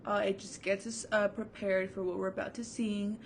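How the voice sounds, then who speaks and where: A woman's voice: mid-range voice, little pitch movement, moderate pace, slight background noise. Upbeat woman teaching a kids' music lesson. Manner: upbeat, encouraging, many fillers. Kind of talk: recorded online music lesson for children. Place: seated at home before her own camera. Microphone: camera mic.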